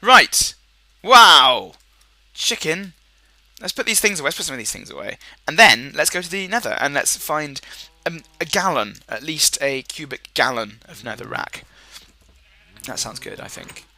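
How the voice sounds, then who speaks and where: A man's voice: a little high, lively intonation, normal speed, gravelly, sharp tone, no room sound. A man giving rambling, jokey game commentary with silly asides, his voice sore and strained. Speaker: gaming commentator.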